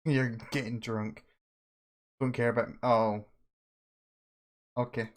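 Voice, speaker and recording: A man's voice: mid-range voice, flat delivery, takes it slowly. A man with a mid-range voice chats in a blunt, informal way during a flight sim game. He mixes loose gamer talk with short pilot radio calls. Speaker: gamer flying in an online flight simulator. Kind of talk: casual gaming chat mixed with radio calls.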